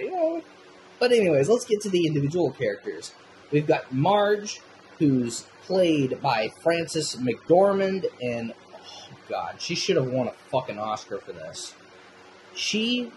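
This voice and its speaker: A man chatting through a film review with loose, unscripted enthusiasm and a casual habit of swearing. His pitch swings widely as he gushes, and a faint noise hums in the background. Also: darkish tone, rough recording.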